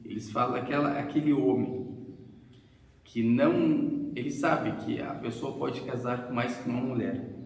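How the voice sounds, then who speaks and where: A man delivers an earnest, storytelling sermon, repeating phrases and acting out short quoted lines. His voice sits at an ordinary pitch. It rings through a large reverberant hall, picked up from well away from the mic. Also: fairly even intonation, normal speed. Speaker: preacher. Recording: echoey hall, far from the mic.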